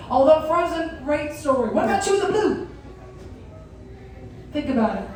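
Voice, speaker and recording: Very high-voiced woman hosting in an echoey theatre. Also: unhurried. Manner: animated, addresses children in the audience with questions and prompts. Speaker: cruise director hosting a story time. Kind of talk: interactive children's stage hosting. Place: indoor theatre on a cruise ship. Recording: very echoey theatre, distant mic, faint noise.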